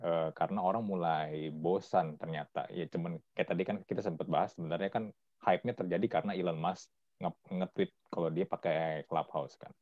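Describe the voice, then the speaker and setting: A man hosting a casual podcast chat, telling things in an animated, chatty way with slang. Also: low voice, no echo. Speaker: podcast host. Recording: dull, dry lo-fi sound.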